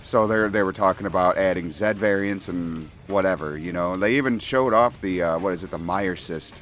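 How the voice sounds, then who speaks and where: A man's voice: low-pitched, normal speed, fairly bright tone. A man rambling casually and profanely while playing a shooter game, laughing often, at a home gaming setup with faint game music behind him. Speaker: gaming commentator.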